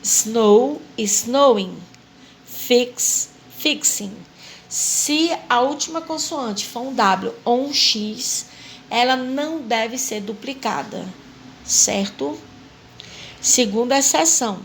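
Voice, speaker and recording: A woman with a high voice teaches a recorded English lesson in Portuguese. She goes through each rule patiently, spelling letters out and repeating herself. Faint background noise sits under her voice. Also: animated, slow, fairly bright tone. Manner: patient, spells out rules step by step and repeats them.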